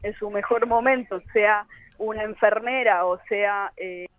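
A woman's voice: medium pitch, measured pace, no room sound. A woman with a Rioplatense Argentine accent, a guest musician telling a rambling story over the phone with lots of filler phrases. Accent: Rioplatense Argentine Spanish. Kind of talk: anecdotal phone interview. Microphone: telephone line. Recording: dull lo-fi phone line.

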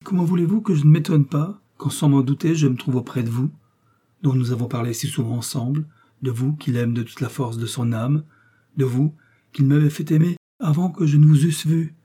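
Brief: deceitful noblewoman, dark and breathy tone, storybook reading, voiced by a man. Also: medium pitch, brisk, pitched above the performer's own voice, close to an everyday voice. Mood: guarded. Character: scheming, deceitful noblewoman, cool and calculating.

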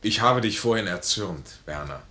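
An actor playing a proud, earnest, passionate army major with formal, intense diction in a 1950s German radio play. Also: male voice, fairly low pitch, animated, moderate pace, bright, forceful tone, slight background noise. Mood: moved. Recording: roomy 1950s radio studio recording.

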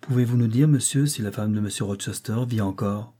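Gentle earnest minister, read by a man, mellow husky voice, audiobook. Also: medium pitch, fairly even intonation, brisk, natural voice. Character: gentle, shocked male village minister.

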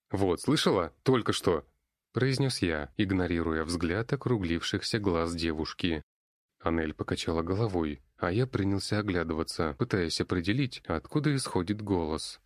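Deep-voiced man narrating wryly. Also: dry recording, clean studio sound. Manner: wry, conversational. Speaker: audiobook narrator. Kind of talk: first-person fantasy narration.

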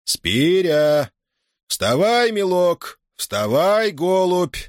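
A man's voice: a little high, very animated, normal speed, no room sound, studio quality, voice pushed up. A man reading a novel aloud, voicing a bullying grown cossack farmer who barks orders. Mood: mock-tender. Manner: mock-tender coaxing turning to barking orders.

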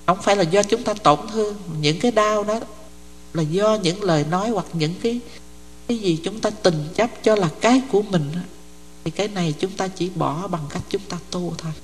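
An older woman, a Buddhist nun, gives a dharma talk in a conversational way and often checks that her listeners follow. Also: medium pitch. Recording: long hall reverb.

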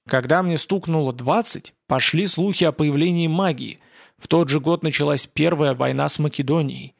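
A man reading the part of a gruff, blunt older male priest and war veteran in an audiobook. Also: a little high, dry recording, clean studio sound. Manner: blunt, commanding.

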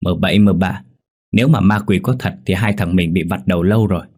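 A man's voice: low voice, fairly even intonation, a little fast, a little mellow, husky. A man voicing a brash young male thief who teases his friend. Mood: mocking. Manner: teasing, brash.

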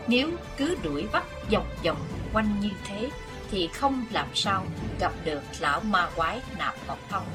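A woman narrating a martial arts novel as an audiobook, with a steady, dramatic reading. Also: on the low side. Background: background music.

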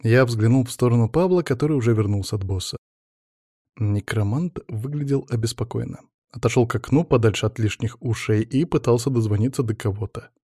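A man narrating a first-person audiobook story in an even manner. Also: mid-range voice, fairly quick, no echo, studio quality.

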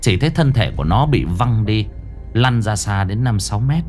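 Animated low-voiced male storyteller. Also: normal speed, faint music behind. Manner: animated, expressive. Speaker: ghost story narrator. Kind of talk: storytelling narration.

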